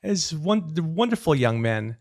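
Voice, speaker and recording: A middle-aged man with a gravelly edge and a slightly high voice chats on a podcast. He is animated and jokey, often sliding into put-on voices for his bits. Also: moderate pace. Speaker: podcast co-host. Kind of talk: casual comedic chat.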